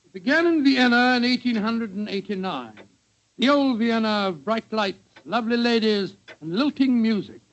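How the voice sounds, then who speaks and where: An actor playing a genial, fussy older English doctor who reminisces, in 1940s radio storytelling style. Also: male voice, very high-pitched, normal speed, a bit bright. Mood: genial, nostalgic. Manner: avuncular, fussy. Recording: muffled old 1940s radio recording.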